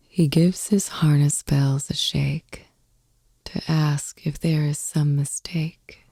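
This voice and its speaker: Poems come in a close-miked, soft and breathy whisper from a woman hosting a sleep ASMR podcast, her pace slow and soothing. She is low-pitched, and no room sound is present.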